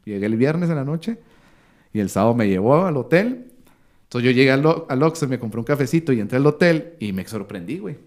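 As a podcast guest, a sports commentator in his thirties with a Mexican Spanish accent recounts a story at a fairly quick clip in a medium-pitched voice. His delivery is animated, casual, and full of slang, with others' words acted out.

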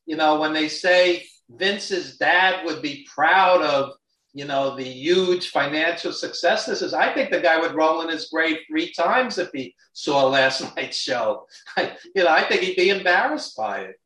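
A man's voice: a little high, expressive, a little slow, pushed and bright. A man from New York with a Brooklyn accent, chatting casually in a blunt, opinionated way as a guest. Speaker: guest, wrestling industry insider. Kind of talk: casual chat. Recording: roomy, echoey, distant from mic.

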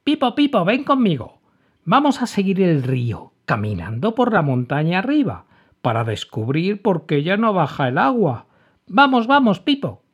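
A man's voice: a little high, big pitch swings, measured pace, a little mellow, voice pushed up. A man voicing a cheerful, kind young girl who can do magic, in an eager, exclamatory storybook manner. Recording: dull lo-fi recording.

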